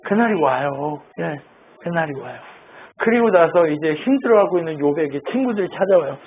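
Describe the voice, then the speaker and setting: A pastor with a fairly high, lively voice preaches a sermon at a brisk clip, a breathy edge to his delivery, posing questions to the congregation and answering them himself. The sound is tinny and phone-like, with faint noise.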